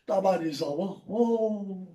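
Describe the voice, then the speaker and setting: A man's voice: high-pitched, drawn-out words, warm tone. A man with a Rhineland German accent telling carnival jokes at home, chuckling at his own punchlines. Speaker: carnival comedian. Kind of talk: stand-up joke telling. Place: home living room. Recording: echoey room, distant mic.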